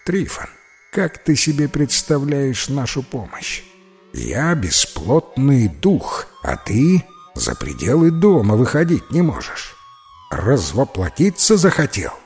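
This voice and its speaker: A man's voice: medium pitch, huge pitch swings, takes it slowly, a little mellow, husky, soft background music, pitched above the performer's own voice, full character voice. A man voicing an ironic, philosophical ghost who talks in a mocking, lecturing way.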